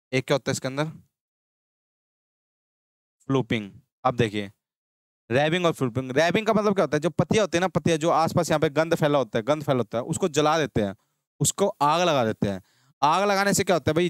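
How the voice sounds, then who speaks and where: A man's voice: a little high, smooth, no room sound. A man teaching an exam-prep agriculture lecture, constantly asking and answering his own questions to drill the key terms. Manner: drills terms with repeated call-and-response questions.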